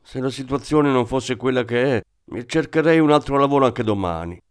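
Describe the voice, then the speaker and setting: A man's voice: mid-range voice, fairly quick, clear, resonant tone, lightly acted. Casting: man doing a friendly, gossipy janitor, audiobook read. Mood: chatty. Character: male school janitor, amiable but sour on students. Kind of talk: audiobook reading.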